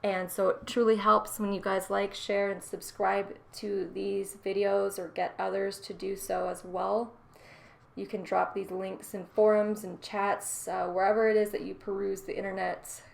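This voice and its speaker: Nasal-voiced woman, stand-in news reader, slight gravel in the voice, steady delivery. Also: medium pitch, normal speed. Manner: plain, steady article reading, then loose casual sign-off. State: tired. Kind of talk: reading financial news articles aloud.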